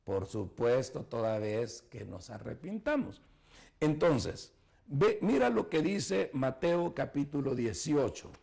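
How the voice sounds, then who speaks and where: A man's voice: mid-range voice, big pitch swings, slow pace, creaky, mellow, husky. A male pastor preaching a sermon, emphatic, pressing the listener with rhetorical questions.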